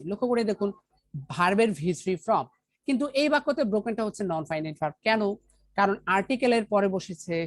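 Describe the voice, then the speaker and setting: A woman teaching an English grammar lesson with a Bangladeshi accent, asking questions and answering them herself, reading the English examples slowly. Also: medium pitch, no echo.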